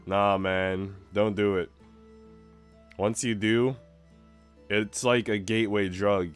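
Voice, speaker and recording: The voice is on the low side, clear and resonant, belonging to a man streaming a game. He talks in an informal, slangy, profane way and sometimes reads visual novel narration aloud.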